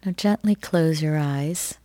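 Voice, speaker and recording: A woman leading a guided meditation as its guide, speaking softly and soothingly with long pauses between phrases. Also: deep voice, dry recording. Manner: soft, gentle, soothing delivery with long pauses.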